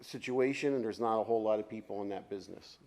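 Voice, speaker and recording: A man's voice: on the low side, fast talker, darkish tone. A man on a city council responding to public comments in a plainspoken, defensive way.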